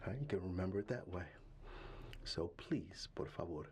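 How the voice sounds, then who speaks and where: A low-voiced man does a fatherly ASMR roleplay, speaking softly and half-whispering into a close microphone. He sounds tender and restarts haltingly, with steady ambient noise in the background.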